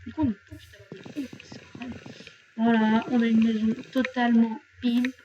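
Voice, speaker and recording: A woman's voice: a little high, level tone, brisk, warm tone, highs cut off, slight background noise. Playful young woman narrating her gameplay. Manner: playful, chatty, talks to viewers and to things. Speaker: gaming youtuber. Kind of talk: casual let's play commentary.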